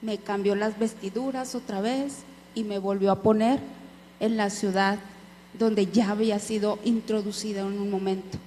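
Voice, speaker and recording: A woman's voice: mid-range voice, steady tone, normal speed, dark tone. A woman preacher giving an earnest sermon testimony, speaking directly to her listeners as brothers. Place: church hall. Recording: echoey hall with faint hum.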